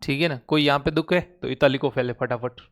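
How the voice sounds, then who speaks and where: A man's voice: mid-range voice, fairly even intonation, a little fast. A man teaching chemistry in Hindi with a Rajasthani accent, constantly quizzing his students with call-and-response questions. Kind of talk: classroom lecture. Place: online class recording.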